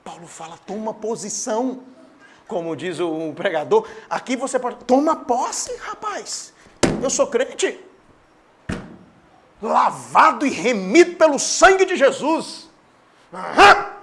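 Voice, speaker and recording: A man preaching a sermon in a church with a Brazilian Portuguese accent, swinging between loud declarations and hushed asides. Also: extremely high pitch, big pitch swings, slow, long pauses. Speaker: pastor.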